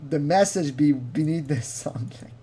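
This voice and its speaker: A video commentator with a mid-range, slightly rough voice and a warm tone talks at a normal speed. Her informal commentary on a recording rambles along, and she giggles often, laughing through sentences and acting out mocking impressions and quotes.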